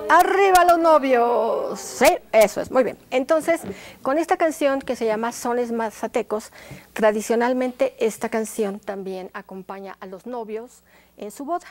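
A woman's voice: fairly high pitch, normal speed, darkish tone. A woman, a music teacher on a children's educational show, coaxing the audience into call-and-response. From Mexico. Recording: music playing behind the voice.

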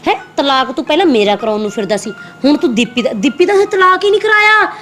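A woman's voice: high-pitched, lively intonation, quick pace, a bit bright, faint music behind. A woman playing a village woman in a comedy short film, stammering at first and then indignant. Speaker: village woman visiting the sarpanch.

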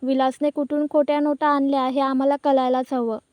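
A woman voicing a bold young woman who loudly accuses a bank, in her own high voice. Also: level tone, a little fast, no room sound, close to an everyday voice. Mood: angry. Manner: loud, accusing. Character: bold young woman staging an angry scene.

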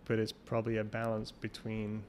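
A champion water skier, appearing as a guest in a casual interview over a call, speaks in a fairly low, monotone, slightly mellow voice at a fairly quick pace. He rambles, thinking aloud and restarting often, and the remote recording carries faint noise.

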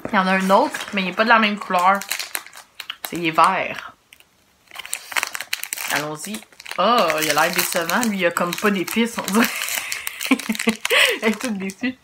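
A woman in her thirties with a Québécois accent, chatting quietly and reacting aloud as she tastes snacks at home. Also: mid-range voice, unhurried, pauses often. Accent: Québécois French. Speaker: vlogger. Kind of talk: casual snack tasting vlog. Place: home, indoors. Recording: noisy home video with wrapper crinkling.

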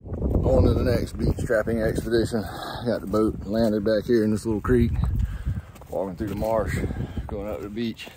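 Man, 30s, trapper, casual outdoor vlog, handheld phone, windy beach, clear background noise. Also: on the low side, moderate pace. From South Carolina. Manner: laid-back and excited, talking while walking. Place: outdoors on coastal marsh and beach. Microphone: phone held at arm's length. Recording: outdoor wind and ambient noise.

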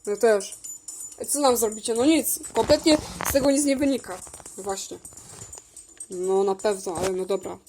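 A woman voicing a whole cast of toy figures in a bickering role-play, jumping between shrill shouting and soft low voices. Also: normal speed, pauses often, slight background noise. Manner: switches between shrill squabbling voices and low quiet ones. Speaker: toy video creator voicing all figures.

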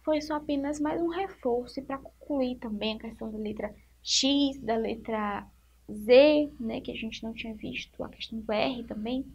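A woman teaching a literacy lesson to young children, asking questions and answering them herself, stretching words out slowly syllable by syllable. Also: on the high side, gravelly, darkish tone, husky, lo-fi sound.

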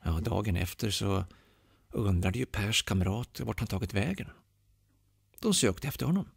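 A man from Sweden telling a ghost story aloud, dramatic with slow, suspenseful pauses. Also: fairly low pitch, lively intonation, vocal fry, breathy edge, no room sound, clean studio sound. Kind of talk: oral ghost story narration.

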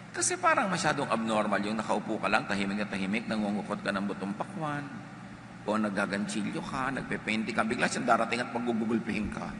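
A man from the Philippines, preaching a sermon emphatically and dropping humorous asides to the congregation. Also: on the low side. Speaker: pastor. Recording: echoey hall with faint background noise.

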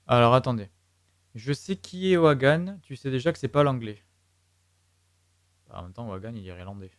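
A man's voice: mid-range voice, expressive, brisk, dry recording. A man with a French accent streaming a game, thinking aloud and muttering to himself and his chat as he works through a puzzle. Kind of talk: live let's play commentary.

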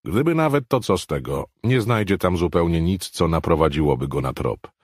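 A man's voice: sits low, expressive, moderate pace, darkish tone, breathy edge, no echo, clean studio sound, voice pushed up. A man doing a scornful, impatient prison warden. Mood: dismissive. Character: dismissive male prison warden, brushing off worries.

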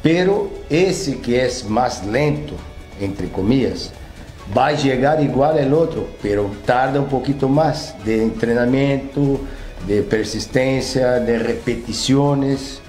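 A man in his sixties with a Brazilian accent speaks in a mellow, darker voice. He talks in a relaxed, unhurried way with frequent fillers. The studio sounds echoey, with faint music underneath. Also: medium pitch. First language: Portuguese. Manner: relaxed, hesitant with many fillers. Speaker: football academy director. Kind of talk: casual interview answers. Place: television studio.

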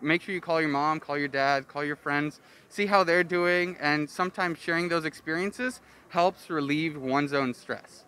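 Bright-voiced young man, street interview. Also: fairly high pitch, normal speed, clean tone. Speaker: passerby. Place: outdoor street with cafe tables. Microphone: handheld mic held by interviewer.

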